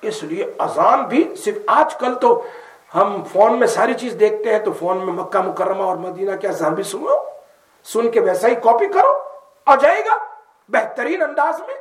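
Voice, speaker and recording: High-voiced man preaching in an echoey room. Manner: animated, rhetorical questions, occasional raised voice. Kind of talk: sermon.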